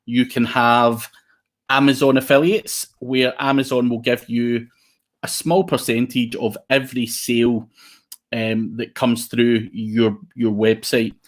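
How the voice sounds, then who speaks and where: A man's voice: mid-range voice, flat delivery, measured pace. A man with a broad Scottish accent giving an informal online presentation in a blunt, plain-spoken way. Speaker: guest speaker, SEO consultant and trainer.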